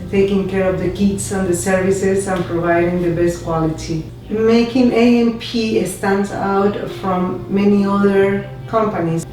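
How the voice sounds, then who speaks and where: A woman answering interview questions in an earnest, measured way. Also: mid-range voice, a little mellow. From Colombia. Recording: echoey room, distant mic, faint music.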